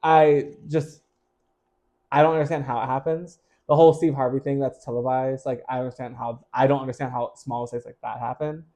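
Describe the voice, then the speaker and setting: A man co-hosting a podcast recounts a drag competition in a casual chat, telling the story in a candid, wry way. His medium-pitched voice is warm, with a flat, brisk delivery.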